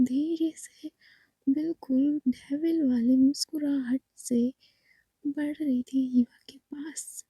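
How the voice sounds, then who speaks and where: Soft-voiced whispered woman narrator. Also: sits high, no echo. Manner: soft, hushed, unhurried. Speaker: storyteller.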